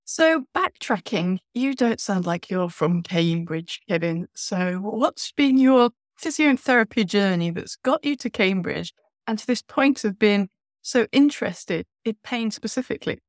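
A woman with a medium-pitched voice hosts an interview. She talks conversationally as she introduces and questions a guest. The recording is dry and free of room echo. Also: expressive, measured pace. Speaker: interview host, physiotherapist.

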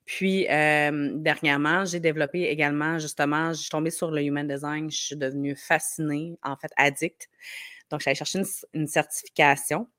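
A woman with a Quebec French accent explains things informally in an interview, her voice hoarse and gravelly from a slight head cold. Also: sits low, steady tone, moderate pace, fairly bright tone, no echo, clean studio sound. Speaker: podcast guest, marketing strategist.

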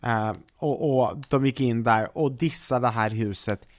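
A man co-hosts a relaxed podcast, telling a long story with plenty of hesitations. His delivery is chatty and meandering. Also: mid-range voice. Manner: rambling, many restarts and fillers when telling stories. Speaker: podcast co-host. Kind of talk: casual chat.

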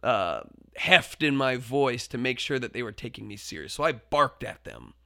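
A very animated man with a mid-range voice and some vocal fry, speaking at normal speed on a dry, clean studio recording. He's a teacher and podcast host telling a classroom story earnestly and reflectively, often restarting his phrases. He builds up to loud, forceful quoted shouts in his stories.

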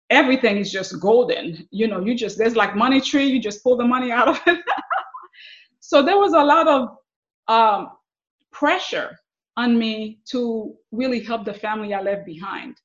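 A woman's voice: fairly high pitch, dull audio. Haitian-born woman telling her story. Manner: warm storytelling with frequent laughs and fillers. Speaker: guest, success coach. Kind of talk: interview conversation.

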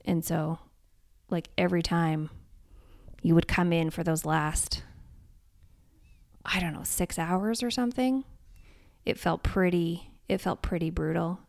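A woman with a low, gravelly voice talks in a casual podcast chat. She tells her story earnestly and with feeling, with plenty of fillers along the way. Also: steady tone, a little slow, long pauses, darkish tone. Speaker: podcast co-host, race crew lead.

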